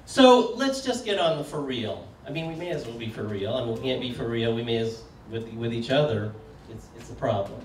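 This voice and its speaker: A man in his sixties gives a relaxed, conversational public talk, joking and trailing off into fillers as he puts questions to the people listening. He is picked up from across an echoey room, with a faint hum of background noise beneath his mid-pitched voice. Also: a little fast, hardly any pauses, far from the mic. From United States. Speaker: speaker. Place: community meeting room.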